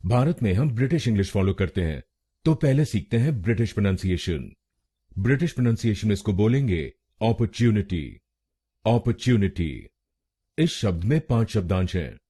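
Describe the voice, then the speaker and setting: A man with an Indian accent giving a scripted pronunciation lesson, drilling a word slowly syllable by syllable. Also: lowish voice, dark tone, breathy edge. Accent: Indian English. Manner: slow, deliberate syllable-by-syllable drilling. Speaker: pronunciation teacher.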